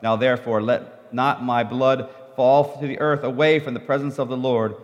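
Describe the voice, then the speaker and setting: A man reads scripture from the pulpit at an even, measured pace. His voice sits in a middle register. It rings out through a church hall with a long reverb. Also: mid-range voice, highs cut off. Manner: measured Bible reading that rises in the quoted speech. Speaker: preacher. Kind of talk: sermon with scripture reading, paused for an interpreter.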